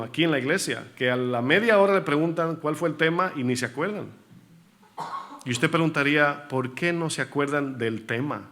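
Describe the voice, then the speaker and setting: A man's voice: mid-range voice, sharp tone. A male pastor preaching a sermon in church, often asking the congregation questions and repeating key words for emphasis.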